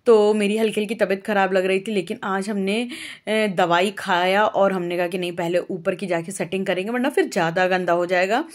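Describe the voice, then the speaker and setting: A woman's voice: mid-range voice, fairly even intonation, a little fast. Chatty young woman vlogger from Uttar Pradesh. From Uttar Pradesh, India. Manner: rambling, homely and talkative, with frequent "अ" fillers. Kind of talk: casual chatty vlog narration.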